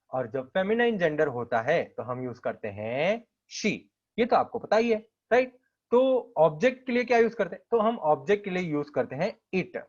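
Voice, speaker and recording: A man teaching a grammar lesson to schoolchildren, explaining patiently, often asking "right?" and answering himself, and reading English example sentences slowly. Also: a little high, lo-fi sound.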